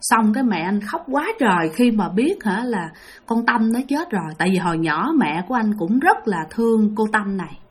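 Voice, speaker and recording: Animated woman storyteller. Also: medium pitch, moderate pace, slightly rough. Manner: animated, addresses listeners directly. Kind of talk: spoken ghost story telling.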